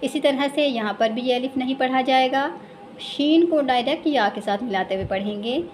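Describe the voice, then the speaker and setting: A woman with an Urdu accent teaching Quran recitation in a lesson, explaining patiently and repeating each word slowly and drawn out. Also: high-pitched, darkish tone, slight background noise. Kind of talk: slow step-by-step recitation lesson.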